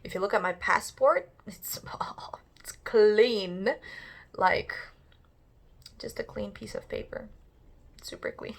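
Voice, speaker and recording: Kazakh-accented woman, mid-twenties, non-native English speaker; rambling casual vlogger, fry in the voice. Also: mid-range voice, in a whisper. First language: not English. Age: 20s. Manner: talkative, fast, many fillers and restarts. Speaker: YouTuber, English learner. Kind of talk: casual talk to camera.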